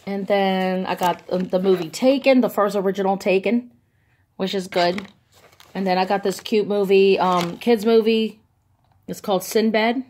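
A woman vlogger chats excitedly through her bargain haul, filling pauses with lots of ums while filming on her own handheld phone. The mid-range voice is fairly even and a little mellow at a normal speed, with a slight hiss or hum.

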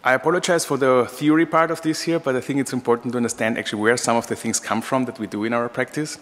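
This Austrian architecture professor in his forties, who grew up in Vienna and has the accent, lectures fast and informally to a large indoor audience, hesitating over his phrasing. His mid-range voice is fairly bright and fairly even in intonation, captured by a gooseneck lectern mic amid hall reverb.

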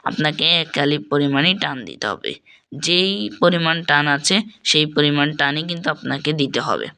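A man's voice: fairly high pitch, lively intonation, moderate pace, creaky, bright, forceful tone, smooth. A man teaching how to correct common mistakes in reciting, speaking straight to his viewers and repeating each point several times. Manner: addresses viewers directly as "respected viewers". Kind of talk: tutorial on correcting pronunciation.

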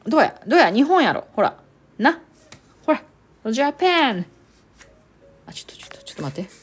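A woman's voice: sits high, very animated, a little fast, husky. A young woman hosting a casual live stream, chatting with viewers and reading their comments aloud. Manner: chatty, reads viewer comments aloud, exclaims and laughs often.

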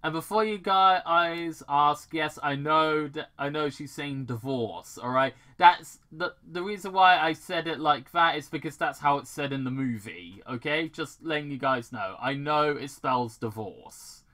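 Forceful and bright, this medium-pitched voice belongs to a British amateur reading fan fiction out loud with ad-libs. They trip over words, correct themselves, and pause the text to improvise, giving the read-aloud a halting feel.

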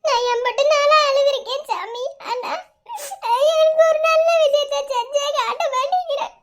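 Tiny squeaky voiced madurai girl, sulky n teary. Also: moderate pace, fairly bright tone. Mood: weeping. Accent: Madurai Tamil. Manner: sulky, weepy. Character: plain young woman, sad and bitter. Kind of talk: cartoon voice acting.

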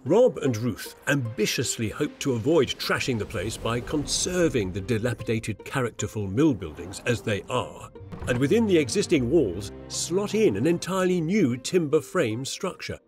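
Wry, animated male documentary presenter. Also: mid-range voice, moderate pace. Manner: wry, enthusiastic, theatrical exclamations. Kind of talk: documentary narration and on-site interviews. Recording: music bed under narration.

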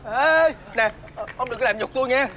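An actor playing a feckless, cowardly young gambler son in a TV fairy-tale drama, with a whiny, stammering, pleading manner. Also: male voice, extremely high pitch, moderate pace, sharp tone, slight background noise.

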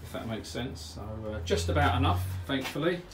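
A man's voice: medium pitch, expressive, fairly quick, echoey room. Chatty man filming DIY from afar. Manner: chatty, rambling, matter-of-fact with filler words. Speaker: DIY pond vlogger. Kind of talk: casual DIY walkthrough chat. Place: cramped garage room under renovation. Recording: distant mic with background noise.

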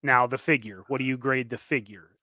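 A man's voice: medium pitch, fairly even intonation, a little fast, sharp tone. A man co-hosting a casual live stream, joking and laughing often. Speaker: co-host, toy customizer. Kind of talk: casual chat.

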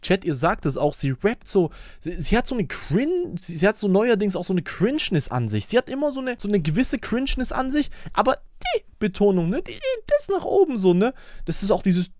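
A man's voice: high-pitched, sing-song, brisk, dry recording, studio quality. A man streaming a casual reaction to a song, talking in blunt, mocking slang.

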